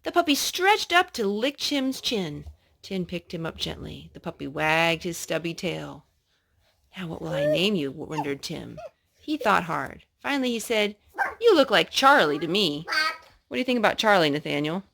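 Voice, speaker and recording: With a lowish, creaky voice, a woman reads a children's story aloud like a storyteller. She keeps it lively for a young listener and stops to explain and ask questions.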